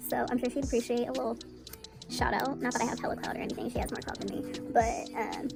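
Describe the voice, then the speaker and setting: A woman's vlog voice, fast-forwarded until it comes out high and squeaky like a chipmunk. She talks in a chatty, offhand, rambling way, with some vocal fry still audible. Music plays clearly in the background. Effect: sped-up chipmunk-like audio. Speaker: vlogger. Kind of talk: casual chat to camera.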